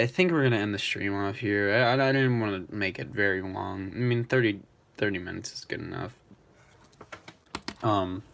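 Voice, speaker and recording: A young man live streaming, talking in a rambling, halting way with many restarts. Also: on the low side, a bit bright. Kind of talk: emotional live-stream tribute chat.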